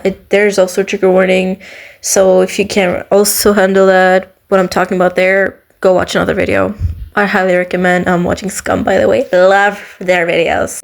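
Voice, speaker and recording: A woman's voice: medium pitch, vocal fry. A woman ranting through a rambling, sarcastic commentary vlog, giggling often and filling her talk with "um" and "guys.". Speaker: commentary YouTuber. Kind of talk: rambling casual commentary rant.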